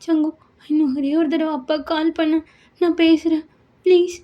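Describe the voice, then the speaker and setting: A woman's voice: very high-pitched, level tone, moderate pace, muffled recording, pitched above the performer's own voice. A woman voicing a desperate young daughter who pleads through tears. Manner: pleading, tearful. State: crying.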